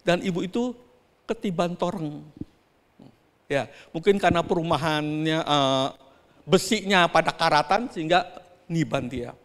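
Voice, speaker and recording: A man pastor preaching a sermon, telling a story dramatically and often turning straight to the congregation, with his voice swinging between soft and loud. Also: a little high, measured pace, long pauses, big-room sound. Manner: often addresses the congregation directly. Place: church.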